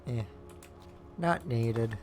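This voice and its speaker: A man with an average-pitched voice streams a video game. He rambles casually in offhand asides, close to the microphone, with clear music underneath. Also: very slow, a little mellow. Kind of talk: casual gameplay commentary.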